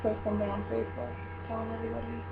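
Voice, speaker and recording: A young woman vlogger rambles casually through her plans, packing her chat with fillers. Her fairly high voice is flat and racing, with phone-quality sound and mains hum behind it.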